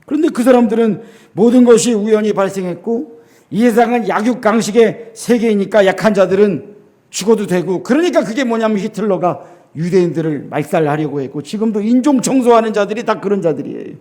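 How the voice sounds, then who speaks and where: A middle-aged man preaching a sermon as a pastor in a church, emphatic, with rhetorical questions to the congregation and sudden drops to a quiet voice. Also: animated, fairly quick. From South Korea. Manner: swings between loud emphasis and low, quiet lines.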